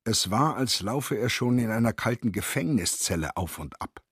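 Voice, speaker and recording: A man narrating a radio drama in a measured, grave manner, with a husky voice. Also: medium pitch, lively intonation, fairly bright tone, dry recording, studio quality.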